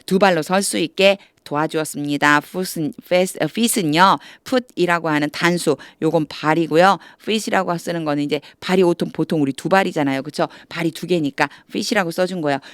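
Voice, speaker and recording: A woman teaching English through Bible reading, who explains step by step, asks the viewer questions and reads English phrases slowly before explaining them. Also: fairly low pitch, clear, resonant tone, no room sound. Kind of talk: explanatory lesson.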